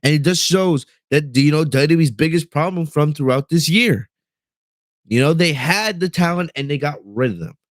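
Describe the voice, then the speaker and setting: A young American man hosts a wrestling podcast livestream from his bedroom, reading the live chat and commenting casually, rambling with lots of fillers and restarts. His voice runs on the high side with lively intonation at normal speed, in studio quality with no echo.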